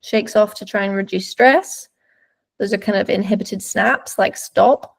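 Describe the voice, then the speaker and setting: A woman's voice: mid-range voice, normal speed, vocal fry. A woman dog trainer giving webinar commentary over videos, explaining thoughtfully and searching for words as she goes.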